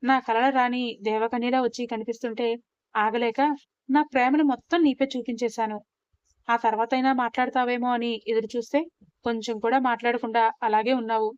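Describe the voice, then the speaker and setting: A reserved young husband, calm and soft-spoken, shy about showing his love, as a woman narrator reads him in her own fairly high voice. The sound is dry and a little muffled. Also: fairly quick, clear, resonant tone, dry recording, lightly acted. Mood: tender. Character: quiet young husband, reserved but loving.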